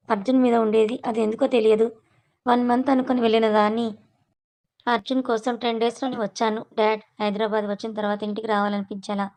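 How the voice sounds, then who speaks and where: A woman's voice: on the high side, a little mellow, natural voice. A woman reading a lovestruck young daughter. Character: lovestruck young daughter pleading with her father.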